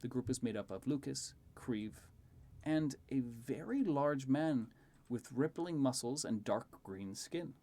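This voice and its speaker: A man's voice: medium pitch, lively intonation, measured pace, mellow. A man narrating a tabletop fantasy game as game master.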